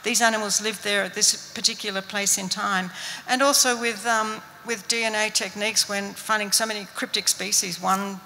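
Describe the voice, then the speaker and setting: Older aussie woman on a panel mic, bright creaky voice, flat delivery, lots of ums, echo of a big hall. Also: mid-range voice, normal speed, a little hiss or hum. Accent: Australian. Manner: earnest, with many fillers and restarts. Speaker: museum scientist panellist. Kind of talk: panel discussion answer. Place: stage of an event hall. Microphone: handheld mic. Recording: long reverb of a hall.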